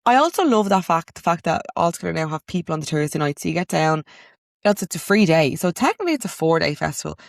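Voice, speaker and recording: A woman's voice: on the low side, vocal fry, no echo. Chatty young Irish woman, dry close sound. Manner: chatty storytelling, quick asides, animated outbursts. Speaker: podcast host. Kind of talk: casual chat.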